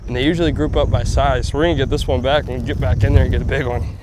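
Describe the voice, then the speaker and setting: Background noise accompanies this man's quick-paced, mid-range voice. He's an outdoors host in his thirties giving casual fishing instruction on a boat, explaining things in an easygoing way and frequently laughing when excited.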